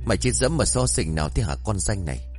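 A man's voice: fairly low pitch, animated, fast talker, darkish tone, faint music behind, close to an everyday voice. A man voicing a harsh, foul-mouthed middle-aged village aunt who scolds and barks orders. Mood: scolding.

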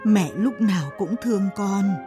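A woman's voice: medium pitch, a little slow, over music, close to an everyday voice. A woman voicing a tearful mother pleading with her wayward son in a storybook tale.

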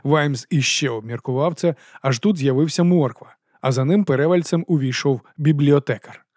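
A man's voice: fairly high pitch, moderate pace, a little mellow, dry recording. Man reading an audiobook, dry sound. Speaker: audiobook narrator. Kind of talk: scripted narration.

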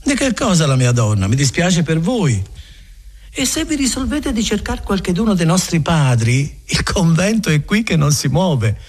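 A man voicing a chatty, kindly friar who talks in a garrulous, folksy, self-assured way, with a husky voice. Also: a little high, very animated, moderate pace, pitched above the performer's own voice. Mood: reassuring.

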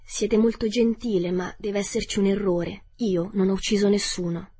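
A woman's voice: mid-range voice, fairly even intonation, normal speed, warm tone, husky, natural voice. A woman voicing an innocent young girl who is bewildered and anxious, asking questions, in an audiobook reading.

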